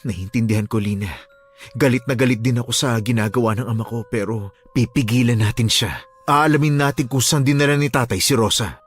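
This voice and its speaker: A man playing a calm protective young man. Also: mid-range voice, a little fast, breathy edge, close to an everyday voice. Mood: reassuring. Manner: calm, reassuring. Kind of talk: radio drama acting.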